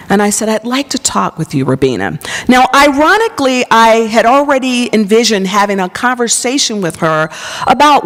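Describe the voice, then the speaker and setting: A woman pastor giving an earnest personal testimony to an audience, telling her story and dropping to a soft whisper at intimate moments. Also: medium pitch. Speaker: pastor and psychologist. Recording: long hall reverb.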